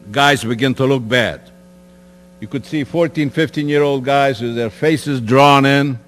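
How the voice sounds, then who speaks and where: Elderly man speaking in an echoey hall. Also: mid-range voice. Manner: plain, direct storytelling with conversational asides. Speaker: Holocaust survivor speaker. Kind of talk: testimony talk to students. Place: school hall. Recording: echoey hall with faint mains hum.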